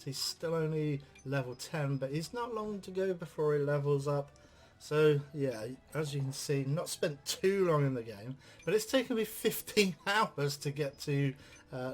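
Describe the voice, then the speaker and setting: A man giving casual let's-play commentary on a game, rambling with lots of filler sounds. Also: mid-range voice. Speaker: game reviewer.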